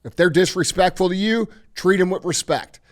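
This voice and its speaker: A man's voice: high-pitched, moderate pace. A man hosting a podcast, giving blunt, emphatic motivational advice with heavy swearing. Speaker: podcast host.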